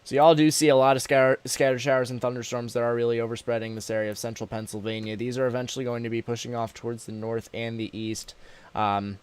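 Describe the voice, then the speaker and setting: A man with a sore throat giving casual, unscripted live weather commentary as a livestream host, halting and informal. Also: medium pitch, flat delivery, smooth. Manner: informal, halting, addressing viewers as y'all.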